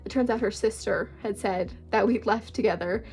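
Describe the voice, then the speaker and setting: A woman's voice: medium pitch, moderate pace, a little mellow. A young woman, rambling casually through a storytime chat at home, with lots of filler words and swearing. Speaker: book vlogger.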